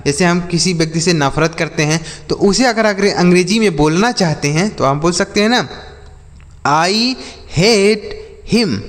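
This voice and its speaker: Man teaching English words in an echoey room. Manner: repeats each word and asks the class questions, then answers them lower; slows down and drags out English example sentences. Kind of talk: spoken vocabulary lesson for children.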